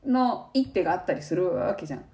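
Young woman, Kansai accent, animated chatty storyteller, very lively pitch. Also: quick pace. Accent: Kansai Japanese. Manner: animated storytelling, acting out quoted lines. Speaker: podcast co-host. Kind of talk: casual chat.

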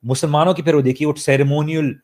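A man speaking in an impassioned discussion, fervent, pushing his pitch up hard to stress points and mixing English into Urdu. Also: fairly even intonation, a little mellow. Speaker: main speaker.

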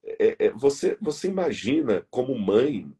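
Speaking in a sing-song, unhurried way, this guest has a medium-pitched, warm, slightly rough voice. He's from Brazil, carries a Brazilian Portuguese accent, and argues earnestly in an interview conversation, stressing and repeating key words.

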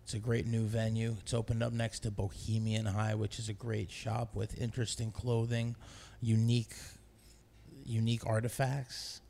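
A man's voice: lowish voice, level tone, normal speed, creaky, dark tone, a little hiss or hum. A man hosting a podcast in casual chat, laid-back, who repeats words and corrects himself. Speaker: podcast host.

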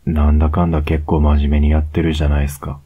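A man with a Kansai accent playing a cocky young male student who teases his teacher, in a whispered role-play with a slow, close murmur. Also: very deep voice, completely flat delivery, slightly rough, phone-quality sound. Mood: teasing. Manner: slow, close, teasing murmur with soft laughs.

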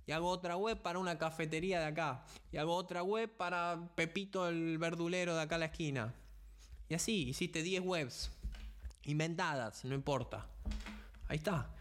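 Young argentine-sounding guy hosting a podcast, a bit high-pitched, punchy and direct, hammering his points home. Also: steady tone, normal speed, fairly bright tone. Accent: Rioplatense Spanish. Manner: emphatic, punchy, addresses the listener directly. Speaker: podcast host. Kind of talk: motivational business talk.

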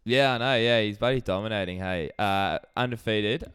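Deep, smooth-voiced Australian bloke. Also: male voice, moderate pace, fairly bright tone. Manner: blokey, slangy, jokey, sweary. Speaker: podcast co-host. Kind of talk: casual chat.

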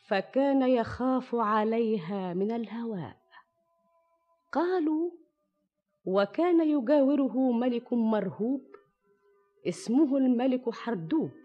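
A poised young storyteller queen speaks in a slightly high voice and recites her tale in measured, rhymed classical lines. She stays modest before the king. The sound is a slightly dull old radio recording with faint music beneath.

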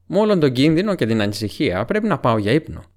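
A man's voice: mid-range voice, big pitch swings, a little mellow, lightly acted. A man voicing Pippin, a tired young hobbit who grumbles and complains, in an audiobook reading. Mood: grumbling.

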